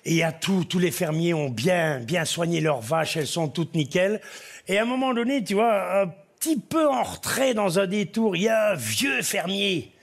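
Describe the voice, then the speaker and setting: A man's voice: sits high, animated, normal speed, gravelly. A man telling jokes on stage, rambling with digressions. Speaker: stand-up comedian. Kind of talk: live joke-telling.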